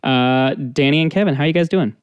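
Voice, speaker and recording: A man's voice: mid-range voice, a little fast, smooth. A man hosting a podcast over a video call, upbeat and joking as he runs a guessing game. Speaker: podcast host. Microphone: video call setup.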